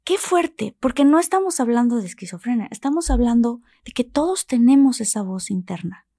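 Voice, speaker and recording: A woman chats animatedly, slipping into voices as she tells a story. Her voice sits a little high with a gravelly fry. The sound is dry, with no room around it. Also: animated, fairly quick, mellow, dry recording. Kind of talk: casual storytelling conversation.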